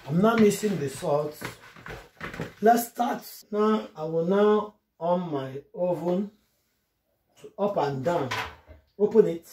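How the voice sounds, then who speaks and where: A woman's voice: on the low side, slow pace, pauses often. Woman giving a chatty kitchen tutorial. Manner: chatty step-by-step instructions addressed to viewers. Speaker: cooking vlogger. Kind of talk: casual cooking tutorial. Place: home kitchen. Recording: roomy kitchen echo, faint noise.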